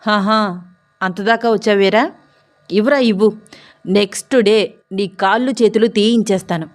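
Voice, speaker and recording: A woman's voice: mid-range voice, normal speed, close to an everyday voice. A woman voicing a rude, drunk, corrupt male head constable who bullies and mocks. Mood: mocking. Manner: bullying, mocking, shouting.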